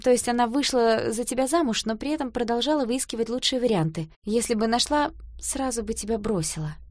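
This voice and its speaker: A woman's voice: a little high, brisk, no echo, studio quality, voice pushed up, close to an everyday voice. A woman voicing an earnest, anxious younger sister, speaking in a raised and pleading tone. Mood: trembling.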